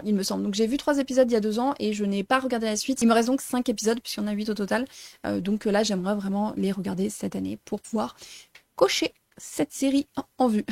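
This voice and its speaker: A woman's voice: a little high, vocal fry, a little mellow, dry recording, studio quality. A young woman chatting casually about her reading plans in a vlog, talking in loose, self-correcting sentences full of fillers. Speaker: book vlogger.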